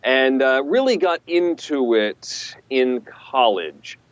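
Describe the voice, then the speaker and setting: A man's voice: mid-range voice, lively intonation, slow pace, no echo. Man with a velvety voice, slightly muffled recording. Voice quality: smooth velvety voice. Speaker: guest voice actor. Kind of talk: casual interview chat.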